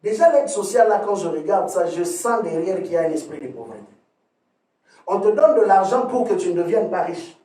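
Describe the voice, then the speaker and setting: A man pastor delivering a sermon, preaching emphatically with sudden swings from loud to soft and often repeating words as he restarts a phrase. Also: a little high, recorded from a distance. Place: church hall. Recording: echoey room, voice from off the mic.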